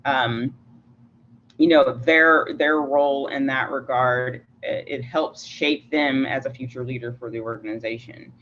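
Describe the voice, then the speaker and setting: A man's voice: mid-range voice, fairly even intonation, a little slow, sharp tone. Man, workshop facilitator, meandering with restarts, muffled video-call sound, faint background noise. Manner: rambling with frequent restarts and fillers. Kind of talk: online leadership workshop.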